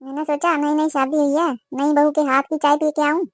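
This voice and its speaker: A woman's voice: high voice, little pitch movement, fairly quick, no room sound, clean studio sound, lightly acted. Woman voicing an older gossipy village auntie. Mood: chatty. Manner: gossipy, warning tone. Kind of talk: cartoon voice acting.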